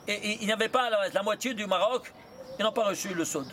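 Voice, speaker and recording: A rabbi teaching a lively Torah lesson, quizzing his students with quick rhetorical questions and mixing in Hebrew terms. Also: high-pitched, slight background noise.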